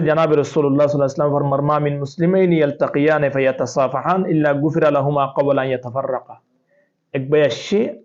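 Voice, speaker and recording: Chittagonian bengali maulana guy giving a sermon, kinda high voice, teaches step by step w arabic quotes, muffled lo-fi recording. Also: darkish tone. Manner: explains point by point, reciting Arabic quotations. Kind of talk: Islamic sermon, teaching hadith.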